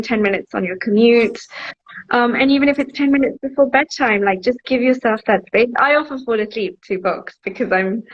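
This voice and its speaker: A woman guest in a casual interview, talking in an enthusiastic, chatty way with plenty of fillers. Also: medium pitch. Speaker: guest, bibliotherapy advocate. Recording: dull lo-fi sound with faint noise.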